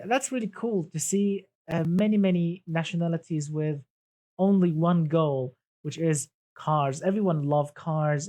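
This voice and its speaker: A man's voice: a little high, darkish tone. Man, live-stream host, chatty, upbeat, reads chat, desktop mic. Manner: chatty, enthusiastic, reads chat aloud, repeats "awesome". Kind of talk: casual gaming live stream.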